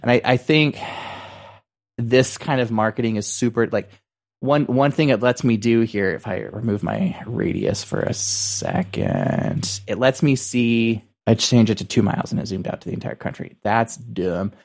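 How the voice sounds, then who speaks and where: A man co-hosting a casual business podcast, talking in a halting, circling way full of filler phrases. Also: mid-range voice, expressive, a little mellow. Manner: halting, circling phrasing with repeated "you know" and "like". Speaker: podcast co-host.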